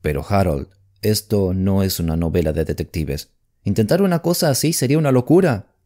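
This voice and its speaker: A middle-aged mother, worried yet firm, in an audiobook mystery, put on by a male narrator. The voice stays warm and fairly low, with wide swings in pitch. She presses her points with urgent emphasis. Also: sing-song, measured pace, exaggerated voice. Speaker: audiobook narrator voicing a character. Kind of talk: audiobook character voice.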